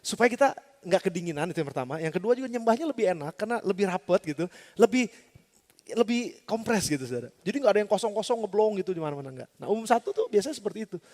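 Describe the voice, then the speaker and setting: Brief: lively male pastor, high-pitched and animated, preaching a storytelling sermon in a large, reverberant church hall. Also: rapid-fire. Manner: lively storytelling with rhetorical questions.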